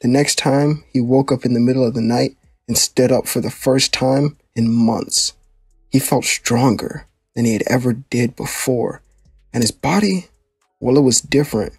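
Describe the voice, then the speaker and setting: A man's voice: mid-range voice, steady tone, moderate pace, darkish tone, slightly rough, no room sound, clean studio sound, soft background music. A young man hosting his channel and narrating a fan story in a casual, plain way. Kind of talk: reading a fan story aloud.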